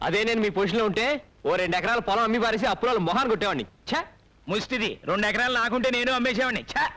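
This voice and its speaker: A sarcastic gambler who scolds in sharp, quick bursts. His voice is very high and bright. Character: sneering indebted card player. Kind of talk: Telugu film comedy acting.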